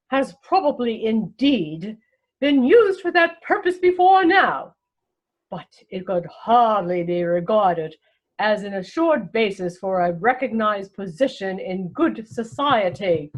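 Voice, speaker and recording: In a comic play reading, a woman plays a haughty, snobbish older aristocrat, sounding imperious and pompous with deliberate enunciation. Her voice is a little high and heavily acted, and the recording is rough.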